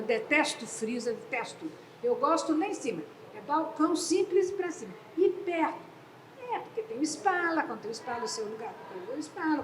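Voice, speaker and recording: Older lady artist chatting away, high lively voice, echoey gallery with faint murmur. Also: a little hiss or hum. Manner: animated, expressive storytelling. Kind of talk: conversation at an exhibition opening. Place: gallery hall. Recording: roomy hall sound, faint ambience.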